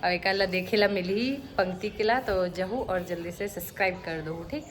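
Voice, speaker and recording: A woman's voice: on the low side, normal speed. A woman vlogger from Chhattisgarh with a Chhattisgarhi accent, chatting casually to her viewers as friends. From Chhattisgarh, India. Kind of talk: casual vlog talk.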